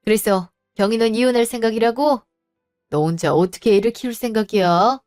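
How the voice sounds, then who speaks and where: A woman's voice: fairly high pitch, fairly quick, a little mellow, no echo, studio quality, faint music behind, lightly acted. A woman voicing an older mother who speaks sternly and practically to her daughter and protects her. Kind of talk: storybook voice acting.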